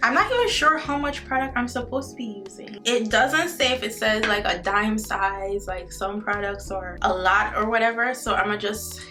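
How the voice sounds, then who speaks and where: Over music, a woman's mid-range voice moves at a moderate pace with few pauses. The speaker, a twenty-something beauty vlogger with a Jamaican accent, addresses viewers upbeat and directly in a relaxed skincare vlog. She recorded it at home on a camera mic, in an indoor room other than a bathroom.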